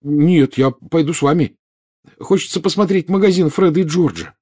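A man's voice: lowish voice, normal speed, breathy edge. A man voicing a cheeky, joking teenage wizard boy. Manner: cheeky, lively.

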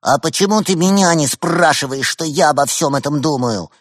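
A man's voice: on the high side, animated, moderate pace, dry recording, studio quality, voice pushed up. A man voicing a young male tiger cub ghost, defiant, bloodthirsty and demanding. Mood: challenging.

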